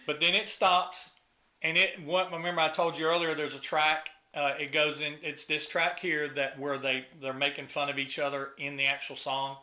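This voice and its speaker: A middle-aged man with a bright, forceful voice pitched a bit high, hosting a relaxed music review. He talks with enthusiasm and hums riffs and mimics sounds to make his points. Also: normal speed. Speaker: host, album reviewer. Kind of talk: casual music review chat.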